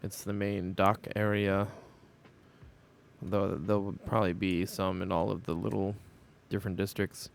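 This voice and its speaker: A man narrates his Minecraft build in a low, flat voice with vocal fry and a measured pace, rambling, thinking aloud and repeating things to himself. He keeps hiccuping and burping, with soft music and slight noise in the background.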